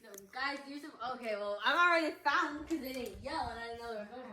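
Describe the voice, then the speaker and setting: A woman's voice: sits high, fast, pushed and bright. A young woman chatting casually with friends in a home vlog. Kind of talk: casual chat. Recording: echoey, distant, noisy room.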